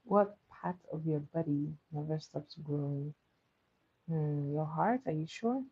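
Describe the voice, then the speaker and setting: A woman's voice: sits low, measured pace, slightly rough, muffled recording. A woman from Nigeria, sleepily hosting a live trivia stream and patiently repeating each question for her viewers. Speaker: livestream quiz host.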